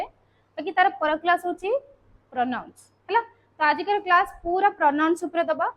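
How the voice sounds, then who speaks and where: Woman teacher, super high voice, walks through a lesson step by step, keeps tagging on a little check word. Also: a bit bright, poor audio. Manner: patient step-by-step explaining, repeating key terms; often ends points with a checking tag word. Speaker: English grammar teacher. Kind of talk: classroom lesson.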